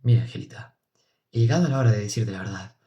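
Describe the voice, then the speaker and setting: A man's voice: lowish voice, quick pace, dark tone, lo-fi sound, close to an everyday voice. A man voicing a young man who speaks earnestly and confidingly to his sister in an audiobook. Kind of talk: audiobook dialogue.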